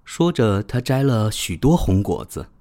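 A narrator reading a children's storybook with a gentle, expressive delivery. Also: mid-range voice, a little slow.

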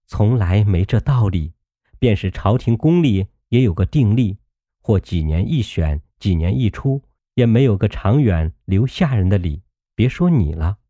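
A man voicing a young maid who is gentle but sharp-tongued, coaxing and teasing in a storybook reading. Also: lowish voice, lively intonation, unhurried, no echo, lo-fi sound.

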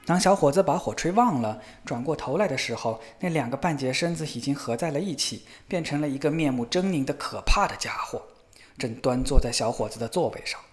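A man narrating a fairy tale in a lively, expressive storybook reading. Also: medium pitch, fairly quick, soft background music.

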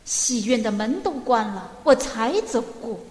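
A woman voicing a gruff old grandfather. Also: fairly high pitch, lively intonation, unhurried. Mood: angry. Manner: gruff, scolding, then gently soothing. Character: grumpy old grandfather, quick-tempered. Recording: echoey room with long reverb.

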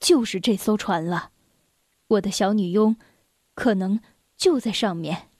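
A woman voicing an earnest, lovesick young man who runs a cafe in a children's storybook, in a slightly lowered soft voice. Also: measured pace, dry recording, clean studio sound, close to an everyday voice. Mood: longing.

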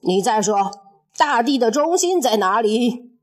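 A woman's voice: on the high side, lively intonation, a little slow. A woman voicing an arrogant, boastful king in a storybook tale, speaking in a haughty, commanding way.

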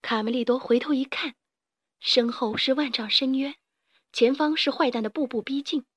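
A woman storyteller reading a children's story aloud with lively expression. Her voice sits high, and the recording is close and dry with no room sound. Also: moderate pace, husky, no echo.

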